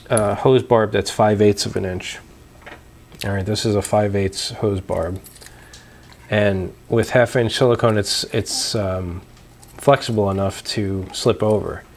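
Young male host, lowish voice, laid-back show-and-tell, lapel mic, faint hiss. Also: gravelly. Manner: relaxed, explanatory, frequent fillers and restarts. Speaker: homebrewing video host. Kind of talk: casual show-and-tell demonstration. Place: small dim room at home, indoors.

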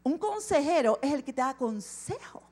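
A woman pastor giving an animated sermon at a church service, acting out short dialogues as she preaches. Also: sits high, moderate pace.

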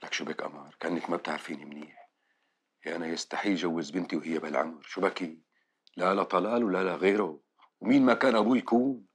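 Very deep-voiced, firm Syrian husband. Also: male voice, little pitch movement, very fast, slightly rough. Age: middle-aged. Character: firm, protective middle-aged husband and father. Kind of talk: television period drama acting. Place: furnished bedroom indoors. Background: music.

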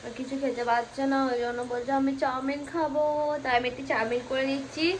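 A woman's voice: high-pitched, fairly even intonation, quick pace, slight background noise. A young woman from West Bengal with a sore throat and stuffy nose, chatting casually to viewers as she cooks and cares for her daughter at home. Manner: chatty, narrating chores to viewers. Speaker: vlogger and mother. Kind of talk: casual home cooking vlog. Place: home kitchen, indoors.

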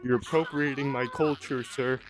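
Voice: mid-range voice, fairly even intonation, moderate pace, background noise. A young adult talking casually over a VR game through a headset mic, rambling, exasperated and joking. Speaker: gamer streaming VR play. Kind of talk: casual gameplay commentary.

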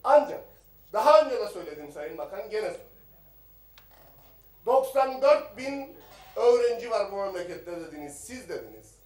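At the rostrum microphone of an echoey parliament chamber, a member of parliament combatively challenges the minister with rhetorical questions. His high voice swings a lot in pitch, moves at a moderate pace, and breaks into long pauses. He is far from the mic, slightly off it.

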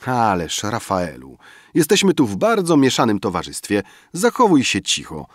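A man's voice: lowish voice, huge pitch swings, moderate pace, no room sound, clean studio sound, voice pushed up. An actor playing a mocking young poet who teases his drunken friend in an audiobook reading. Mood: admonishing. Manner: teasing, sardonic.

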